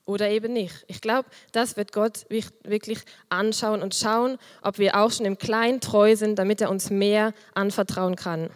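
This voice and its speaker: A woman, leading a group and giving a personal sermon, her voice soft and quiet, lively and warm with small laughs, speaking into a handheld microphone. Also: mid-range voice, normal speed, few pauses, big-room sound. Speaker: youth group leader giving a talk.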